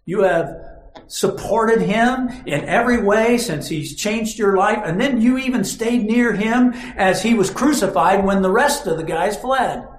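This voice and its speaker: A man's voice: high voice, measured pace. A man preaching a sermon, telling stories dramatically and acting out quoted lines. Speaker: pastor. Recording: roomy echo.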